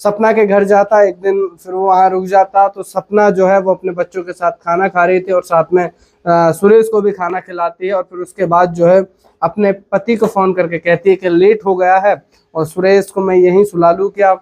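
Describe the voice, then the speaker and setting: Guy with a pretty high voice telling a story, loose and rambly, lots of filler. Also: level tone, normal speed, a little mellow. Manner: rambling, filler-heavy retelling. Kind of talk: casual spoken storytelling.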